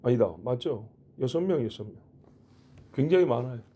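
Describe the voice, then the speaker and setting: A man's voice: medium pitch, lively intonation, normal speed, dark tone, breathy edge. A middle-aged male pastor giving a sermon in a conversational way, asking rhetorical questions and making joking asides. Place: church.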